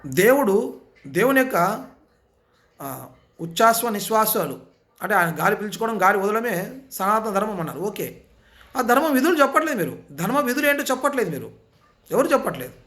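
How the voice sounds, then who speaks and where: A man with a notably high-pitched voice delivers an impassioned sermon. He presses his points with repeated rhetorical questions and insistent appeals. His speech. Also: very animated, a little fast, long pauses, a bit bright.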